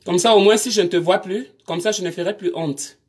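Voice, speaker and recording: A woman's voice: on the low side, a little fast, darkish tone. Scolding woman live-streaming. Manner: scolding, confrontational, rhetorical questions. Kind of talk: live-stream rant to commenters.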